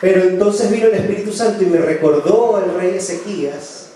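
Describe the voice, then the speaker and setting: A man's voice: high voice, a little fast, warm tone, distant mic. A man preaching a sermon, telling personal stories earnestly and changing his voice for quoted speech. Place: church hall. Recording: very echoey church from afar, faint noise.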